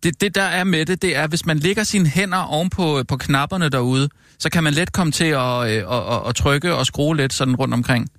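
A man's voice: fairly high pitch, hardly any pauses, fairly bright tone. A man co-hosting a comedy podcast, talking hesitantly with many fillers and doubtful questions. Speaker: podcast co-host. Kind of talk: improvised comedy banter.

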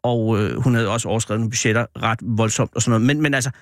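A man hosting a show, telling a personal story in an animated, drawn-out way that turns hesitant, with many fillers. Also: mid-range voice, dry recording, clean studio sound. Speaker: radio host.

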